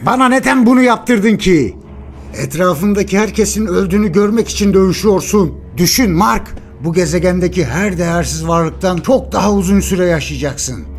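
A ruthless alien superhero father played by a man from a cartoon dub, high and gravelly in voice. He scolds with menacing, contemptuous emphasis, over clearly audible music. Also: brisk, few pauses. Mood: anguished rage. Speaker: amateur fan dubber. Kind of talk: dramatic animated superhero dub. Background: loud dramatic music.

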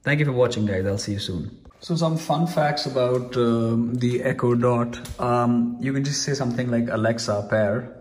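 A man's voice: mid-range voice, moderate pace, darkish tone, slight background noise. A man giving a casual, rambling product review at home, chatty and full of restarts. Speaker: tech reviewer. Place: room at home.

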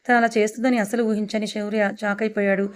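A woman narrating an audio love story at a fast pace. Her delivery is even and flat, with little rise and fall, in a plain storytelling manner. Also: medium pitch.

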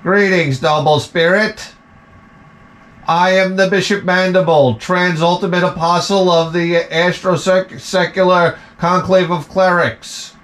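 A man's voice: high voice, steady tone, unhurried, a bit bright. A man voicing a pompous villainous bishop from an adventure game, speaking in solemn, ceremonial summoning like a seance medium. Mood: grandly solemn. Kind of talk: dramatic read-aloud of adventure game dialogue.

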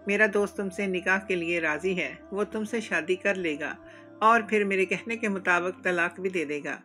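A woman's voice: on the low side, moderate pace, sharp tone, faint music behind. A woman voicing a cruel, controlling grown man, the narrator's husband, speaking in a cold threatening tone. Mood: menacing. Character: cruel controlling adult male husband, menacing.

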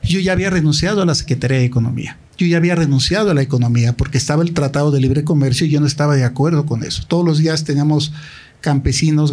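At a university talk, a middle-aged man with a Mexican Spanish accent tells his own story candidly and directly, acting out past conversations. His voice is fairly high-pitched with a darkish tone.

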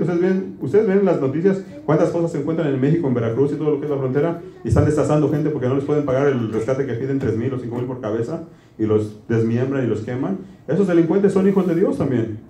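A man's voice: mid-range voice, fast, mellow, roomy sound. A man preaching a conversational sermon, folksy and quizzing his congregation with questions. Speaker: pastor.

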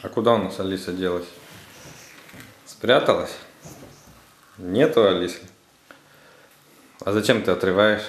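A deep-voiced father talks unhurriedly with his children in the living room, leaving long pauses as he guides them through a craft. He gives casual instructions and prompts them with questions, recorded in a roomy indoor space at home.

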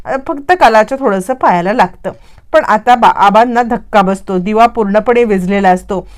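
A woman's voice: medium pitch, moderate pace. A woman narrating a recap of a TV serial, retelling scenes and acting out the characters' lines.

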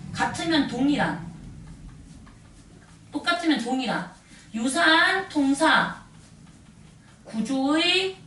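A woman teacher giving a lively classroom lecture and talking straight to her students. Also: high voice, a little hiss or hum. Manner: animated, addresses students directly. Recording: echoey room, mic at a distance.

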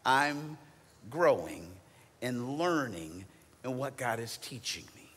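A man preaching a sermon in a church auditorium, his bright, forceful voice trailing off in a long hall reverb. He swings from loud emphatic bursts to hushed, almost whispered lines. He keeps it casual, paraphrasing scripture in everyday talk. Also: medium pitch, sing-song, takes it slowly, slight background noise. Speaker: teaching pastor.

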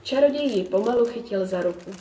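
Calm woman reading a children's story. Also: mid-range voice, a little hiss or hum. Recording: roomy, distant, faint ambience.

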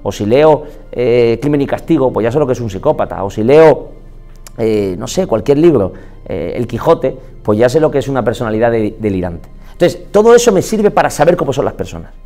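A man from Spain, a doctor, giving an expressive motivational talk and often quoting people in changed voices. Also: mid-range voice, a little fast, faint music behind. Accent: Spain Spanish. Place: indoors, filmed talk.

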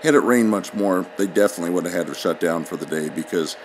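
A man giving steady, explanatory scripted voice-over narration. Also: low voice, fast talker, a little hiss or hum. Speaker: channel narrator.

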